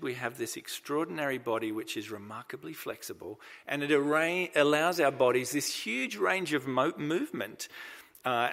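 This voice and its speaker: A man's voice: medium pitch, fairly bright tone. A man giving a conversational sermon, explaining scripture with frequent restarts. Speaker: preacher. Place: church. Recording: long reverb of a church hall.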